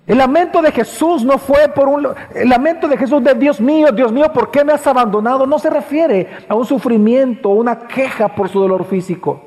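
A man pastor preaching a sermon, repeating phrases for emphasis and swinging between loud high passages and low hushed ones. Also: normal speed, few pauses, big-room sound. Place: church.

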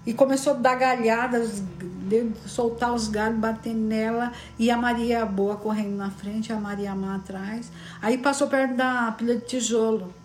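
A woman's voice: fairly high pitch, steady tone, normal speed, few pauses, faint music behind. Woman telling a fairy tale, echoey. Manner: rambling, repeating phrases, with tag questions. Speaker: storyteller. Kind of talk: casual oral storytelling. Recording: echoey room.

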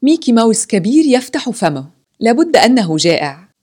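A woman's voice: on the high side, sing-song, brisk, slightly rough, pitched above the performer's own voice. A woman voicing a group of young children, eager and calling out, in a storybook reading. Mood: playful. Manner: eager, shouting questions.

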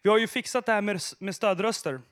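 A man's voice: high-pitched, fairly bright tone. A man voicing a panicked male politician in a story read aloud. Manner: panicky, pleading.

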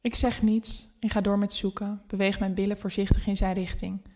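A woman narrates a first-person erotic story, unhurried and intimate. Her reading is scripted and steady, and it drops to a near hush at times. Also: mid-range voice.

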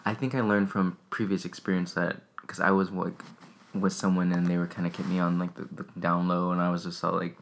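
Low, gravelly young man chatting casually. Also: level tone, a little fast, a little hiss or hum. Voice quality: raspy. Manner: rambling, many fillers and restarts. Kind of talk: casual chat.

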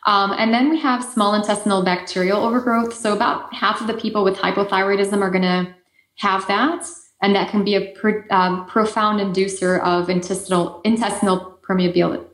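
A guest expert, a woman whose native language is Polish and who has an Eastern European accent, explains her answers to interview questions fairly quickly. Her mid-range voice has fairly even intonation and she often uses fillers and restarts, all in an echoey room.

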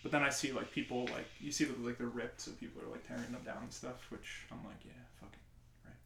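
A man from Staten Island co-hosting a casual podcast, talking quickly with lots of fillers and jokes, recorded in an echoey room. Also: mid-range voice, level tone, pushed and bright, a little hiss or hum. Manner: fast, filler-heavy, joking. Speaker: podcast co-host. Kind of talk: casual chat.

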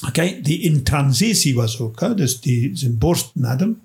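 A man from England, a stand-up comedian chatting casually and telling stage anecdotes in an animated way. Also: mid-range voice, a little slow. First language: English. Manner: animated storyteller, tags lines with "hè".

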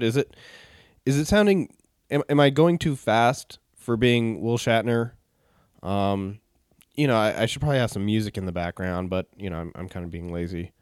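A man who works as a DJ, talking casually and alone, rambling with relaxed restarts. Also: fairly low pitch, normal speed, no echo, studio quality. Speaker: DJ and podcast host. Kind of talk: casual solo talk.

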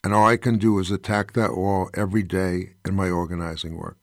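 A man's voice: sits low, flat delivery, brisk, no room sound, clean studio sound. An older man reading his own personal essay aloud, telling a story in an impassioned, indignant way.

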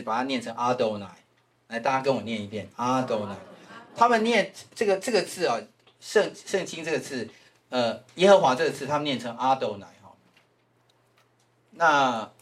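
A man with a Taiwanese Mandarin accent, a pastor teaching a Bible class in a lively lecturing way, repeating phrases and tagging sentences with "ha". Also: medium pitch, fairly quick. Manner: animated, repeats phrases, frequent "ha" tag fillers.

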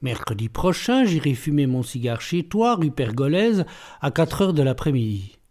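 A man voicing a suave, ironic gentleman thief who talks in a playful, teasing, self-assured way in an audiobook. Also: a little high, sing-song, moderate pace. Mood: mocking.

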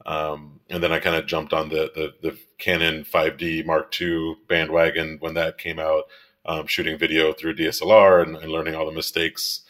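Low-voiced man chatting loosely. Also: completely flat delivery, moderate pace, fairly bright tone. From Miami, United States. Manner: rambling, many fillers and restarts, laughs easily. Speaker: guest, commercial photographer and director. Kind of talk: casual interview conversation.

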